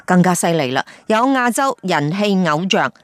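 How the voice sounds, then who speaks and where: A woman radio host, chatting through a feature report with many fillers and pauses. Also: fairly low pitch, big pitch swings, dry recording, clean studio sound.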